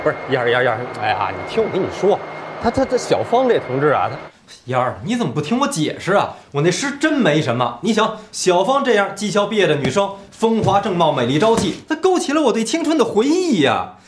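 An actor playing a boastful, flirtatious engineer who pleads and justifies himself in a TV drama. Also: male voice, high voice, big pitch swings, fairly quick, a little hiss or hum. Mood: pleading. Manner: smooth-talking, pleading, indignant. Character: boastful philandering male engineer, self-justifying. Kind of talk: TV period drama acting.

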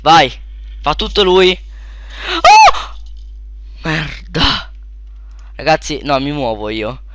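A young man giving casual let's play commentary, shouting at sudden deaths and then muttering quietly to himself, close to a desk mic. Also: takes it slowly, no room sound. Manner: excitable, yelps and shouts at in-game deaths, then mutters low.

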